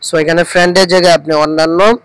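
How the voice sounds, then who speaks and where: A man's voice: fairly high pitch, flat delivery, quick pace, a bit bright, dry recording, low-quality recording. A man teaching English vocabulary, drilling words one at a time and having students repeat after him. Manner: drills words with repetition, switching between English and Bengali.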